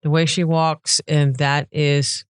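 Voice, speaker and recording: An enthusiastic podcast co-host who runs through examples in relaxed conversation. The voice is smooth and clear in a middle pitch. It is recorded dry and close to the mic. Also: slow pace, no room sound. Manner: enthusiastic, lists examples, easy laughter. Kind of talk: casual podcast chat.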